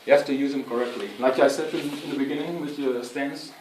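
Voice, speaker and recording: A man's voice: mid-range voice, steady tone, distant mic, a little hiss or hum. Earnest man speaking in an echoey room. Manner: earnest, instructive, halting phrasing. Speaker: speech giver. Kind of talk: prepared speech on public speaking. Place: room with an audience. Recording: echoey room, picked up from afar.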